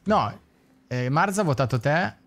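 A man's voice: fairly high pitch, very animated, moderate pace, fairly bright tone. A man chatting in the room, offhand and matter-of-fact, heard away from the microphone. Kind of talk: casual chat.

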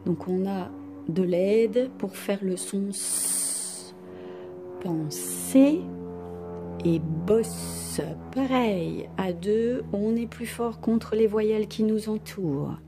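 A woman teaching a reading lesson to young pupils, speaking slowly and stretching out each sound. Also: medium pitch, music in the background. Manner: slow, clearly articulated, stretches out sounds. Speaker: primary school teacher.

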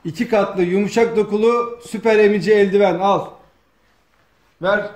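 Directing a comedy sketch from off camera, a man coaches the performers and feeds them lines in a bossy, teasing way. His voice is high-pitched, steady and darkish, at a moderate pace, recorded in an echoey home dining room with faint noise.

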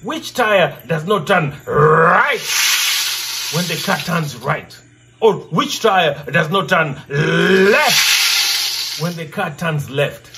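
A man, middle-aged, telling stories and posing riddles in a theatrical way, repeating his questions with drawn-out emphasis. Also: on the high side, lively intonation, gravelly, very noisy. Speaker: storyteller and channel host. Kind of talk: interactive storytelling, posing riddles to children. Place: indoor room with brick wall backdrop.

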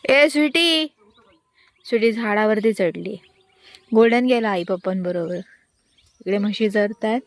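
A woman filming her pets outdoors in a village, chatting to viewers and calling the animals in a high sing-song voice. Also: steady tone, moderate pace, long pauses, darkish tone. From Konkan, Maharashtra. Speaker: pet vlogger. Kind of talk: casual vlog narration.

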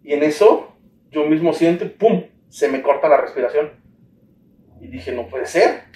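A man's voice: fairly high pitch, normal speed, a little hiss or hum. Mexican man telling his story animatedly. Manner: animated storytelling, acts out the dialogue he recalls. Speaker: interviewee. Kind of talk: personal account in an interview. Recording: roomy echo, distant mic, faint ambience.

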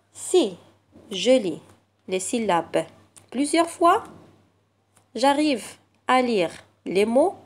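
A woman teacher giving a slow, carefully articulated reading lesson to young children, stressing each sound. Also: sits high.

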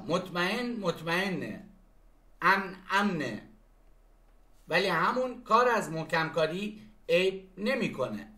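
Bright high-voiced man teaching German. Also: roomy sound. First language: Persian. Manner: explains phrases, repeats German sentences slowly. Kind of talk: language lesson.

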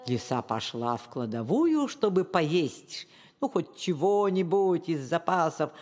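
A woman narrating a folk tale for an animated short in a slow, expressive storytelling manner. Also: mid-range voice, breathy edge. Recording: long reverb with soft music behind.

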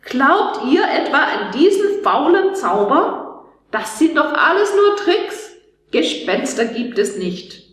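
A woman's voice: sits high, sing-song, takes it slowly, voice pushed up, full character voice. A woman voicing a cocky schoolboy who mocks and scoffs, with a roomy echo on the recording. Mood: scoffing. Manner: mocking, scoffing. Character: cocky schoolboy joker, mocking and loud. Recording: echoey room.

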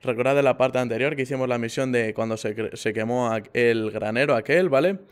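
A man with a Spain accent hosts a gaming video at a very quick pace. His mid-pitched voice gives casual commentary, informal and peppered with swearing. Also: clean tone. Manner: informal, swearing, repeats words. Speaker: gaming channel host. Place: indoor room at a gaming setup.

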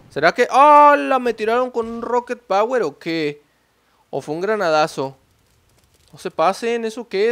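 Excitable Mexican man, high voice. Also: creaky. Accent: Mexican Spanish. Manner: excitable, slangy, talks to himself while playing. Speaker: gameplay streamer. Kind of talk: casual gameplay commentary. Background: faint game music.

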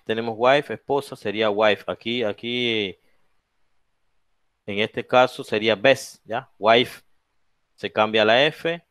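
Slow, clear-voiced male English teacher. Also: medium pitch, a bit bright, no echo. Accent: Latin American Spanish. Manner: explains each rule in English then repeats it in Spanish, checking with "¿ok?" and "¿ya?"; slow, drawn-out spelling of letters and example words. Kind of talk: bilingual classroom lesson.

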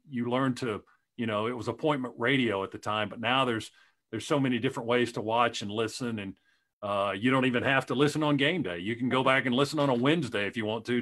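Rambling middle-aged radio announcer. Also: male voice, mid-range voice, fairly bright tone. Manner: rambling, with many restarts and laughs. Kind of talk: casual chat on a video call. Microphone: video call.

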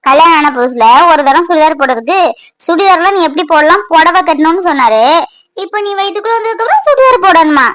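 A woman's voice: very high-pitched, lively intonation, fast talker, fairly bright tone, no room sound. A woman voicing a chatty, playful pregnant young wife in a cartoon, who talks to her unborn baby.

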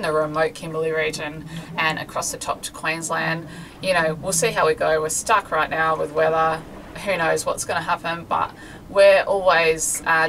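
Australian woman, 30s, relaxed vlog talk to camera in a small cabin; bright tone, light background noise. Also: lowish voice, far from the mic, poor audio. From South Australia. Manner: relaxed and chatty, with many ums and uhs. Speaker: sailing vlogger. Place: small boat cabin, indoors.

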